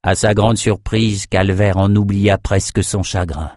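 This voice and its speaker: A man narrating an audiobook in a measured, dramatic reading style. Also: fairly low pitch, flat delivery, a little mellow, dry recording, studio quality. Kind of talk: scripted narration.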